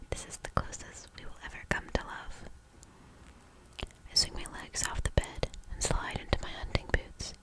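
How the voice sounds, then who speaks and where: A woman reading a novel aloud for ASMR in a soft, hushed whisper, slow and deliberate. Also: low-quality recording.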